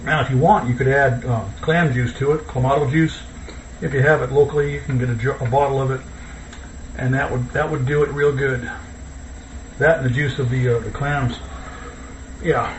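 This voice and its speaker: Male home cook, easygoing casual chat, distant mic with clear background noise. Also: medium pitch, fairly even intonation, normal speed, pauses often. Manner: easygoing, thinking aloud. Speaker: home cook hosting a cooking video. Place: indoors, kitchen. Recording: distant mic, dull, echoey, noisy room.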